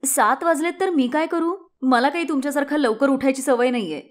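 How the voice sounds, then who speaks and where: A woman's voice: a little high, normal speed, lightly acted. A woman voicing a spoiled, rude young city daughter-in-law who scolds and complains sharply. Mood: angry.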